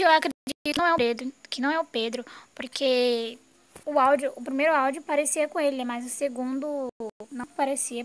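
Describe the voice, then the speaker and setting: A young woman with a Brazilian accent, telling viewers a story in a casual vlog and reading out chat messages in an animated way. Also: high-pitched. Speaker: vlogger.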